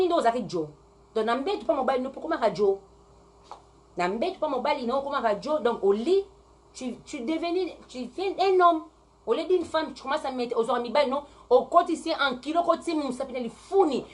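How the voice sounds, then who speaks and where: A woman from Congo, ranting angrily on a live video. She repeats herself, drags some words out and punches others hard. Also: mid-range voice. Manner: heated, repetitive, stretches some words and hammers out others. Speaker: vlogger. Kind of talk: angry live-video rant.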